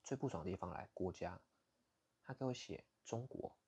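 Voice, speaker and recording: Host, Taiwanese man with a Taiwanese Mandarin accent, deep husky voice, candid storytelling with a blunt, indignant edge. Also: moderate pace, darkish tone. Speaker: podcast host. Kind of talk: casual storytelling monologue.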